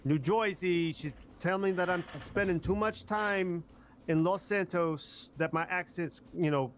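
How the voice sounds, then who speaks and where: A man's voice: high-pitched, steady tone, measured pace, fairly bright tone, a little hiss or hum. A man in a casual roleplay, talking in a put-on New Jersey accent, rambling and stumbling over restarts as he jokes. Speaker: roleplay player as a justice department officer.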